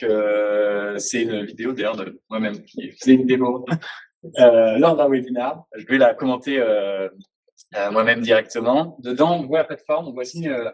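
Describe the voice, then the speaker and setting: A man's voice: mid-range voice, darkish tone, low-quality recording. A man giving a casual technical presentation, hesitant, with many fillers and restarts. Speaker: presenter at a tech talk.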